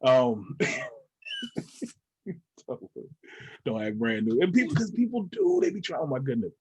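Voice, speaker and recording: A man hosting a casual chat, laughing a lot and talking in animated slang. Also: mid-range voice, measured pace, breathy edge. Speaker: host.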